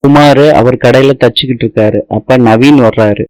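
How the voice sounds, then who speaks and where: A man's voice: mid-range voice, fairly even intonation, normal speed, a little mellow, dry recording, low-quality recording. A man reading a recap of a TV serial aloud, voicing every character's lines in the same plain voice.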